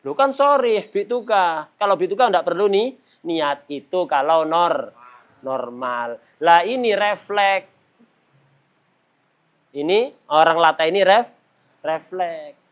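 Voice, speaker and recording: A high-pitched man leads a religious study lesson, speaking. He teaches in a playful way, laughs often, and breaks into sudden mimicry to act out his examples. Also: animated, slow, pauses often.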